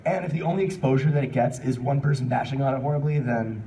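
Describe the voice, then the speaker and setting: A quick-talking man with a mid-range, warm voice runs a live fan panel, answering questions from the crowd in a loose, joking, off-the-cuff ramble. The sound comes from a far-off mic amid the noise of the panel room.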